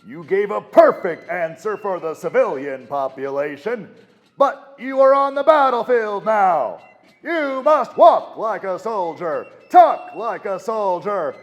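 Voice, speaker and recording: An actor playing a strict male army drill sergeant who shouts commands at recruits. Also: very high voice, heavily acted. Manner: shouted military commands, drawn-out emphatic delivery. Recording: long reverb with music underneath.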